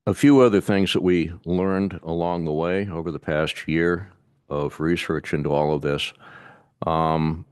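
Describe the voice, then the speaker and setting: A man on city staff giving a measured, methodical briefing to a public board, now and then pausing to restart a phrase. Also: sits low, fairly even intonation, darkish tone, clear, resonant tone, no echo, clean studio sound. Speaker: city staff presenter to an urban renewal board. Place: city board meeting room.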